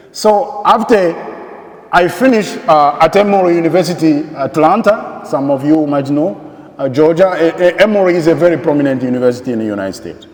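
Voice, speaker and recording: A middle-aged Congolese priest with a fairly high, darkish voice preaches a sermon, repeating emphatic phrases and asking rhetorical questions. He is indoors in a large church, and the recording carries a long, echoing reverb.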